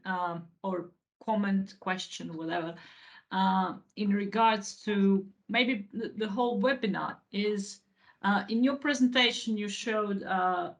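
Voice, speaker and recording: A woman from Croatia with a Croatian accent and an average-pitched voice. She speaks spontaneously as an audience member at a webinar, pausing and restarting as she builds her comment. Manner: hesitant, halting phrasing with repeated words. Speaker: webinar participant asking a question.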